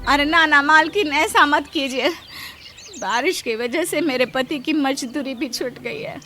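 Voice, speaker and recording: A woman's voice: high voice, unhurried, pushed and bright, soft background music, pitched above the performer's own voice. A woman voicing a poor, humble young housemaid wife who speaks pleadingly in a cartoon story.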